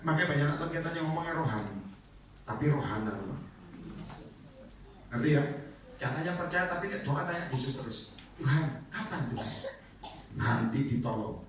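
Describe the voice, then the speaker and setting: A male evangelist, preaching an animated sermon that swings into loud shouted peaks and acted-out scenes. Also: on the high side, fairly quick, long pauses, slight background noise. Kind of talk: lively church sermon. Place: large church hall. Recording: echoey hall, distant mic.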